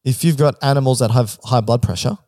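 A man talks at a middle pitch in a casual, explanatory chat, walking through ideas step by step with an informal, joking edge. The sound is close and dry, with no room echo. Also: quick pace, warm tone. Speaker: podcast co-host.

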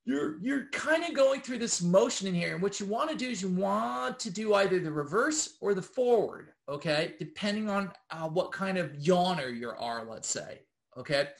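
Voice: mid-range voice, animated, normal speed, creaky. Rambling casual instructor, constant okay checks. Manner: rambling, with frequent tag questions of okay; loose and informal, with occasional swearing.

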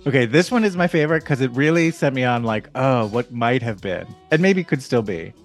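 A man's voice: medium pitch, lively intonation, fairly quick, soft background music. A man co-hosting a casual podcast, playfully reading quiz questions and laughing along. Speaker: podcast co-host. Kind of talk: casual chat.

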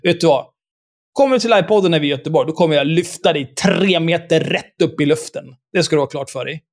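Brief: male podcast host, slightly high voice, crude and furious, mocks listener mail. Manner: profane, furious ranting with scornful laughs. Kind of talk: reading and mocking listener emails.

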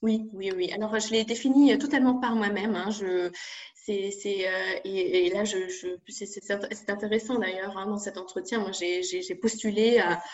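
A woman's voice: medium pitch, steady tone, moderate pace. A young woman from France, a guest in a casual interview, talking hesitantly with many fillers and restarts.

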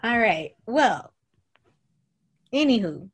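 A woman's voice: on the high side, slow, slightly rough. A woman in her thirties co-hosting a podcast, recapping a TV show in casual, profane chat with lots of laughter. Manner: animated, laughing, profane storytelling. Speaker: podcast co-host.

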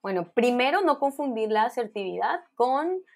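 A woman guest expert calmly explaining emotional skills in a podcast interview, laying out steps one by one. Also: a little high, normal speed, gravelly. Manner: calm and instructive, lists steps.

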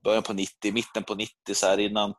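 A Swedish man in his thirties, co-hosting a casual chat and telling a lively story, mimicking the people in it. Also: no room sound. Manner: animated storytelling, jumps into high voices for quoted people. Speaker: podcast co-host.

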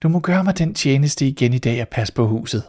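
A man's voice: medium pitch, animated, natural voice. A man doing a sly greedy storybook cat. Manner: smug and sly, turning sharp and threatening. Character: sly greedy male tomcat, smug and menacing.

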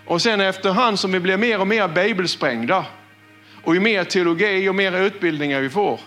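A man preaching a sermon as a pastor, earnest, often dropping to a hushed tone for emphasis and repeating words as he restarts. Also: sits high, faint music behind.

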